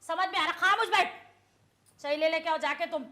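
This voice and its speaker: A woman playing a bossy, scolding mother of the house, with a Hyderabadi accent and a sharp voice. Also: very high-pitched, a little fast. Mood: stern. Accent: Hyderabadi Urdu. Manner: scolding, domineering. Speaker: mother-in-law.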